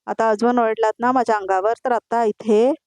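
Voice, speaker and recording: Woman reading a defiant young wife, curt sharp retorts, dry sound. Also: on the high side, steady tone, normal speed, no room sound, pitched above the performer's own voice, natural voice.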